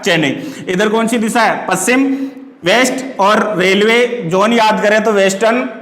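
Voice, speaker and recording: A man's voice: sits high, measured pace, a bit bright. A male teacher giving a lesson who asks questions and answers them himself, repeating key words and teaching memory tricks through wordplay. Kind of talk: classroom lecture with question-and-answer drills. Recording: echoey classroom recording with long reverb.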